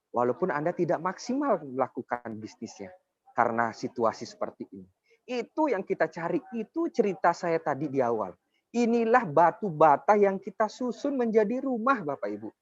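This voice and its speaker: In a high-pitched voice, a man in his twenties delivers a persuasive, motivational sales presentation for network marketing, frequently addressing the people in front of him. The audio has no room sound and is dull, dry and lo-fi.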